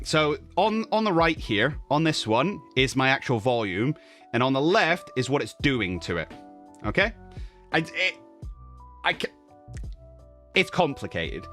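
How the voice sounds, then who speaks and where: At his home streaming desk, a man with a mid-range, slightly bright voice casually walks through his streaming audio setup. Recorded on a studio mic with a noise gate and compressor, he's chatty, often asks "okay?" and corrects himself.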